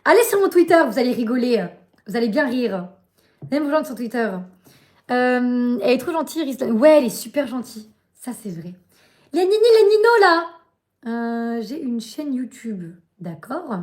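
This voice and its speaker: A woman's voice: a little high, a little mellow. A young woman live-streaming from her bedroom, chatting casually and ranting in slangy speech, often adding a tag "hein".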